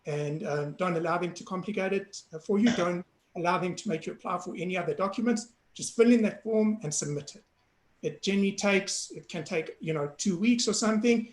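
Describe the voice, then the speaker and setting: A hoarse man, a panelist frankly and casually explaining citizenship rules over a video call. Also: sits high, fairly quick, roomy sound.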